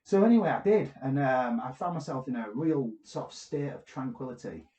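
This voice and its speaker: A man co-hosting a comedy podcast, telling a strange story with deadpan delivery and sudden shouted bursts. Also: medium pitch, fairly quick, echoey room. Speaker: podcast co-host.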